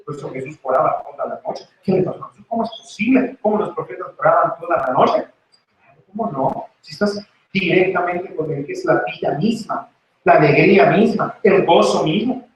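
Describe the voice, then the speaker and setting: A man preaching a lively sermon and acting out the voices in the story. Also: sits high, normal speed. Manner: animated, acts out voices in the story. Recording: very echoey church recording from far off.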